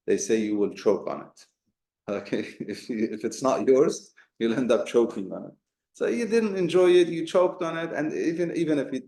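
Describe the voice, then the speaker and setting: In an echoey room, a man with a medium-pitched, creaky, mellow voice gives an explanatory religious lesson on Quran commentary. He works through it step by step, asking rhetorical questions and weaving Arabic terms into his speech.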